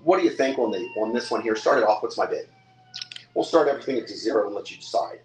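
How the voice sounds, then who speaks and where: A man's voice: mid-range voice, animated, fast, darkish tone, slight background noise. Older man, auctioneer, salesman patter, bid calling, echoey room. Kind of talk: live-stream auction pitch. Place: hotel room or lounge, indoors.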